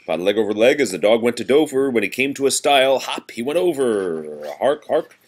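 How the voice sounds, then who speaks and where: A man with a mid-range, expressive voice reads nursery rhymes at a fairly quick clip in a sing-song style. Between rhymes he chats casually with a child, the way a parent would.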